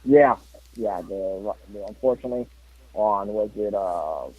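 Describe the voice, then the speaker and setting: A man's voice: fairly low pitch, a little slow, husky, dry recording, dull audio. A man co-hosting a podcast in casual chat, rambling with lots of fillers. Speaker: podcast co-host.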